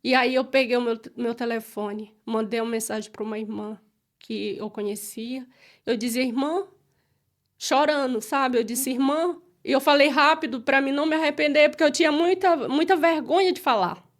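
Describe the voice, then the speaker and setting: Earnest Brazilian woman telling her testimony. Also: sits high. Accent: Brazilian Portuguese. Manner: earnest, halting, re-enacts her own prayers. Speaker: guest giving a testimony. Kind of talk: emotional church testimony.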